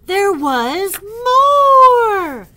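A gloomy big elephant wails his sorrows loudly in a storybook read-aloud, as a woman puts him on. The voice sits high and draws every word out slowly. His manner is mournful and loud. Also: sing-song, heavily acted. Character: sad gloomy male elephant, big and slow.

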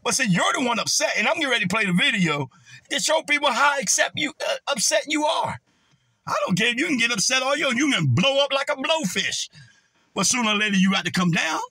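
A man's voice: extremely high pitch, lively intonation, fast talker, pushed and bright. A man, scolding and preachy, quoting scripture in a confrontational video rant. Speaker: online commentator.

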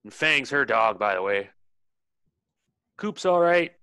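A man's voice: medium pitch, expressive, slow pace, pushed and bright, clean tone, no echo, studio quality, voice pushed up, heavily acted. A man voicing a drunk, rambling male ship lookout in a tabletop game. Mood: drunk gossip. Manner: slurred, gossipy sailor talk.

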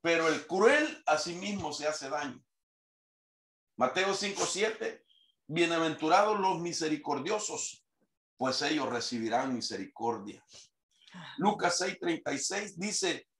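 A man's voice: on the high side, lively intonation, measured pace, a bit bright, roomy sound. A man preaching a sermon, quoting scripture in a raised reading voice. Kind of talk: sermon teaching.

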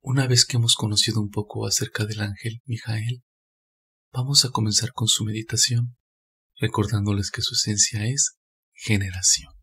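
A man calmly reading a scripted spiritual narration in a measured, steady way. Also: fairly low pitch, husky.

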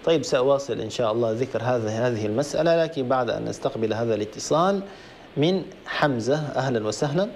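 A man hosting a call-in Quran recitation lesson, explaining rules methodically and slowly chanting verses to show them. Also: medium pitch, animated, darkish tone, a little hiss or hum. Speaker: Quran recitation teacher and program host. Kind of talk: tajweed lesson on a call-in broadcast.

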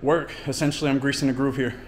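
Casual male fitness coach vlogging, winded, middle pitch. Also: level tone, quick pace, slight background noise. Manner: explains training plainly between efforts, with fillers. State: out of breath. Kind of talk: casual workout vlog talk. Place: home gym and outdoors in winter.

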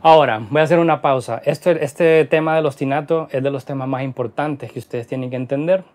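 A man's voice: mid-range voice, fairly even intonation, brisk, a little mellow. A man teaching a guitar lesson in Spanish, explaining rhythm patterns and counting beats aloud as he plays. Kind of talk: instructional lesson. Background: guitar playing.

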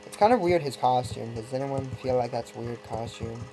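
Over faint game music, a man with a mid-range voice rambles casually through his let's play commentary at a fairly quick pace. He often breaks off mid-thought for a wry aside, and the recording sounds rough.

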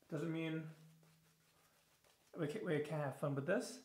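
A man's voice: a little high, fairly even intonation, slow, darkish tone. A man in his thirties hosting a shaving video in a small home bathroom, talking casually and a bit tiredly, with frequent fillers and restarts as he goes. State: a little tired in the evening. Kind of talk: casual product review while shaving. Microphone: camera on the counter at close range. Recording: echoey bathroom.

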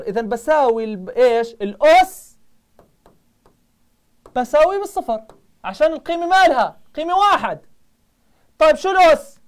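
A man with a Jordanian Arabic accent teaching a live online math review, firing quick questions at his students. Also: extremely high pitch.

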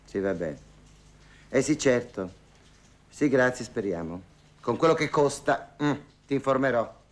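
A man's voice: mid-range voice, animated, a little slow, close to an everyday voice. An actor playing a lonely older woman who gossips and haggles on the phone in a theatrical monologue, sighing and wryly complaining. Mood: reflective. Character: lonely, wry older woman hiring a dance partner.

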